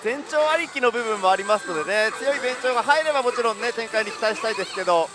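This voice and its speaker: A man giving excitable live play-by-play commentary on a pachinko game, speaking into a headset mic. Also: very high voice, quick pace. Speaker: pachinko show host. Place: busy pachinko hall, indoors. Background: loud game-machine music.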